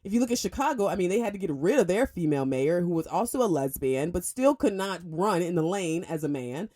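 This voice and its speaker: A lively woman on a talk radio show holds forth in a studio monologue, full of strong opinions. Bursts of speed and sudden upward pitch jumps give her delivery its emphatic punch.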